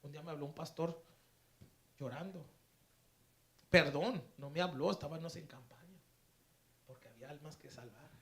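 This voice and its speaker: Pastor, high bright tenor; storytelling sermon with quiet asides and loud bursts. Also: male voice, moderate pace, pauses often. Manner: storytelling, swings from hushed asides to loud, excited preaching. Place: church sanctuary.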